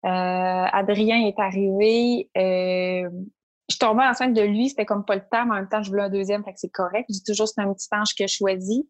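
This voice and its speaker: A woman with a Quebec French accent speaks as an interview guest. She sits at an even, middle pitch and talks about her work in a candid, reflective way, pausing often on "euh" as she thinks. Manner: earnest, reflective, with frequent "euh" pauses. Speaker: business owner, interview guest.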